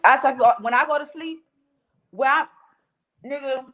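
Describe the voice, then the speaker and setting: A woman's voice: sits high, normal speed. A woman from New Orleans with a New Orleans accent, a podcast guest talking bluntly and profanely in casual chat, acting out quotes as she goes. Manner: blunt, profane, animated storytelling with voiced quotes.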